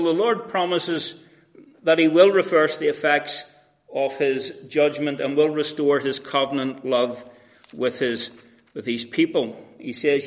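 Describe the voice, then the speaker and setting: A man preaching an earnest, conversational sermon, often restarting his phrases. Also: mid-range voice.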